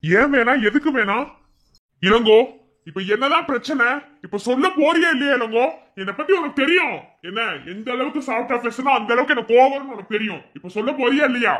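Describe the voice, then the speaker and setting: A stern elder brother in a cartoon, quick to anger and pressing hard for answers. He interrogates and raises his voice as he gets more demanding. A performer voices him. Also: mid-range voice, expressive, darkish tone, lightly acted. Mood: angry, demanding. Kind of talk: cartoon voice acting.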